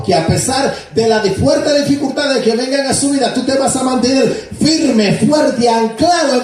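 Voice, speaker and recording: Man, pastor, very high voice, emphatic sermon, heavy echo, distant mic. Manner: emphatic preaching with repetition and sudden shouts. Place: church.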